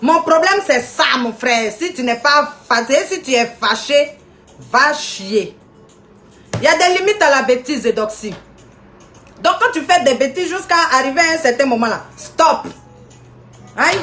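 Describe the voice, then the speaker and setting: A woman's voice: high-pitched, animated, unhurried, pushed and bright, faint music behind. A woman ranting indignantly on a live video stream, scolding people and greeting viewers by name.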